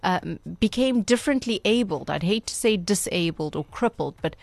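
A woman with a Durban Indian South African accent speaking as a radio interview guest, earnest and measured, with formal, emphatic wording. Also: mid-range voice, expressive, creaky, a little mellow, dry recording. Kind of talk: radio interview, reflective storytelling.

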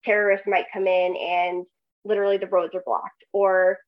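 A woman's voice: medium pitch, level tone, moderate pace, muffled recording. A woman, a guest expert, talking casually with many fillers and laughing through serious points. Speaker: guest researcher in agriculture. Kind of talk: casual podcast conversation.

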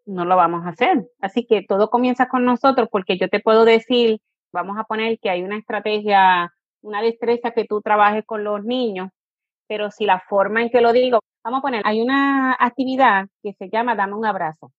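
A woman's voice: mid-range voice, fairly quick, no echo, highs cut off. Woman explaining parenting. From Puerto Rico. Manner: explanatory, acts out parent and child voices. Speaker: positive discipline educator and coach. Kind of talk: interview answers.

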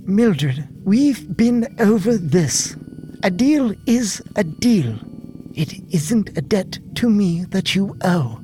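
A man voicing a stern, condescending elderly nun woman, speaking in an imperious, mocking, drawn-out way. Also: high-pitched, big pitch swings, warm tone, soft background music, pitched above the performer's own voice, full character voice. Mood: scornful. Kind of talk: storybook narration with character voices.

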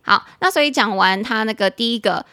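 A young woman with a Taiwanese Mandarin accent co-hosting a casual English-learning podcast, spelling out words slowly and laughing through stories. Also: fairly high pitch, pushed and bright, dry recording, clean studio sound. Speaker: podcast co-host teaching English. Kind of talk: casual chat with English lessons.

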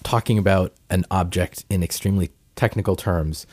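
A man's voice: sits low, steady tone, moderate pace, darkish tone, no room sound. A man chatting casually as a podcast host being interviewed.

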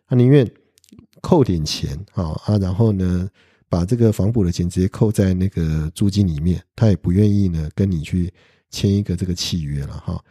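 A middle-aged man with a Taiwanese Mandarin accent tells a casual podcast story in a husky, dark, mellow voice. His talk is chatty and full of small tag words and fillers. The sound is dry and close to the mic. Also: low-pitched, normal speed, dry recording. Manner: chatty, many "ha" tags and fillers. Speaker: law professor podcast host.

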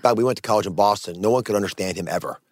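A man's voice: fairly low pitch, very fast, dry recording. A man hosting a talk show, earnestly putting questions to his guest.

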